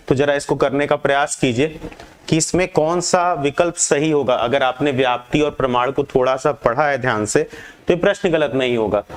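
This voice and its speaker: Higher-pitched man teaching an exam class. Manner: reads questions aloud, urges students to answer quickly. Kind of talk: online exam-prep lesson.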